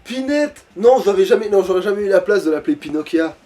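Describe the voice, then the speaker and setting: A man's voice: high voice, very fast, warm tone. A young man giving casual, sweary commentary as he plays a video game.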